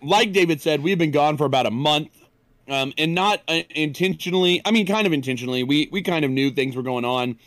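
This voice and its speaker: Male co-host, relaxed casual talker, dry recording. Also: a little high, a little fast, dry recording. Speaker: podcast co-host. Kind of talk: casual podcast chat.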